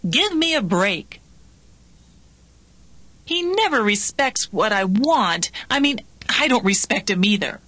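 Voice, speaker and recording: A woman reading scripted practice dialogues for a language lesson in a clear, measured way. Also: medium pitch, sing-song, sharp tone, no echo.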